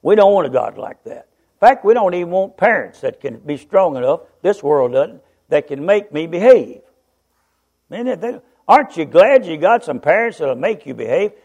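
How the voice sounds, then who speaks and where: Man, Appalachian accent, high-pitched voice, folksy preacher, plain-spoken sermon delivery, stretched emphatic words. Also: very animated, moderate pace, a little mellow.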